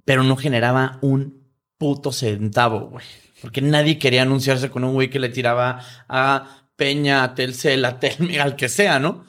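A man's voice: mid-range voice, steady tone, moderate pace, a bit bright. A middle-aged man with a Mexican accent, a guest in an interview, telling stories in casual, profane slang and acting out the people in them. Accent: Mexican Spanish. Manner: profane slangy storyteller, acts out voices.

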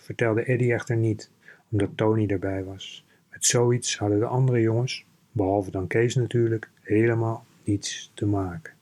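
A man reads a children's novel aloud in a steady, measured way. His voice is husky and a little breathy, and it sits at an ordinary pitch for a man. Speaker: audiobook reader.

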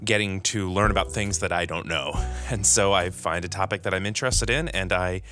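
An enthusiastic man hosts a podcast interview in a fairly low voice. He talks earnestly and often restarts his sentences. Faint music plays underneath. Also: fairly quick, bright, forceful tone. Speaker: podcast host.

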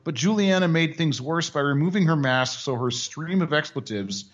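Sarcastic man with lively pitch. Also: moderate pace. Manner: dry, mocking asides. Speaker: commentary host. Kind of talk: sarcastic commentary. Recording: dull lo-fi audio.

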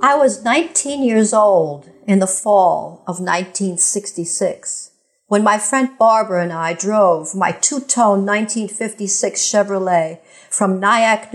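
Older woman, mid-pitched, composed narration. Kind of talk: scripted first-person narration.

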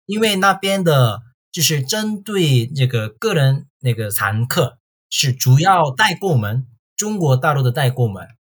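Korean man speaking accented Mandarin, slightly husky. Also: medium pitch, sing-song. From South Korea. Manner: foreigner speaking Mandarin, halting with simple phrasing. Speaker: tour guide, interview guest. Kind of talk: casual interview answers.

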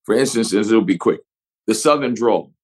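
A middle-aged actor with a New Orleans accent, telling stories expansively in an interview and acting out examples with pitch swings. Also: male voice, expressive, moderate pace, poor audio. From New Orleans, USA. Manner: expansive storyteller, shifts pitch to act out examples. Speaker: actor guest. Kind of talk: animated interview talk.

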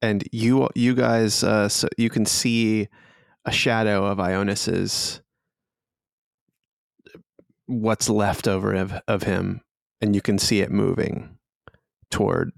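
A man narrating as game master of a tabletop game, slow and often laughing. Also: lowish voice, fairly even intonation, gravelly, no room sound, studio quality.

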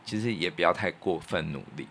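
This podcast co-host, who also works in radio, has a low voice, a fairly bright tone and a fairly quick delivery. He speaks with a Taiwanese Mandarin accent and shares stories in a relaxed, colloquial, earnest and reflective manner.

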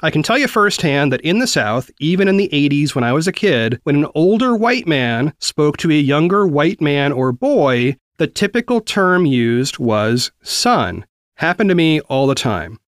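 A man's voice: on the high side, sing-song, moderate pace, no room sound, studio quality. A man in his forties from the American South, hosting a news podcast, reading quotes and commenting in an earnest, conversational way. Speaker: podcast host.

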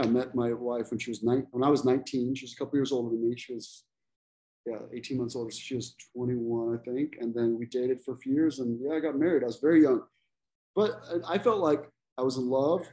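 Guest: man, 40s, grew up in Ecuador, easygoing self-deprecating comic with an average-pitched voice. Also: mellow, poor audio. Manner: self-deprecating, laughs often. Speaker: comedian guest. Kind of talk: casual podcast chat.

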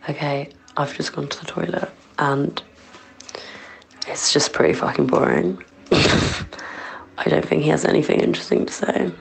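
A woman's voice: deep voice, sing-song, measured pace, vocal fry. A woman on a date, teasing and blunt, laughing often. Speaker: comedian on a date. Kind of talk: casual conversation on a date. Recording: music playing behind.

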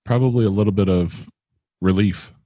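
A man answering as a participant in a guided exercise, in a low-key, slightly tentative conversational way. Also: normal speed, mellow, breathy edge, no echo. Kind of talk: brief conversational responses.

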